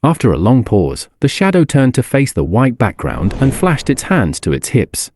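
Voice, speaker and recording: A man reading a story aloud as narrator, in an expressive, lively way. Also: medium pitch, normal speed, slight background noise.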